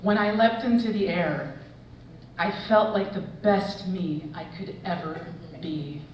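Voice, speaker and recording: A woman in her forties, an English professor, reading a personal essay aloud with expressive storytelling. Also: lowish voice, slow, far from the mic, a little hiss or hum. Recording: echoey hall, voice from afar.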